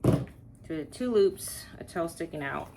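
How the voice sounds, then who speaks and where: Deep, creaky, and expressive, this woman's voice is unhurried, though the recording is very noisy. She's a Texan hosting a relaxed wreath-making tutorial, talking as she works, thinking aloud and rambling off on asides.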